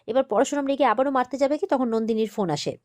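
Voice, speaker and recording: A woman's voice: on the high side, darkish tone. A woman recapping a TV serial episode in a casual retelling, quoting the characters' lines as she goes. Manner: retells quickly, quoting each character's lines with light emphasis.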